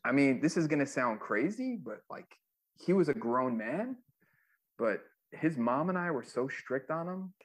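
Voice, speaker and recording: A man's voice: mid-range voice, big pitch swings, a little slow. A man, a former music manager, telling stories in a casual interview, loose and profane with lots of fillers. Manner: loose, profane storytelling with many fillers and acted quotes.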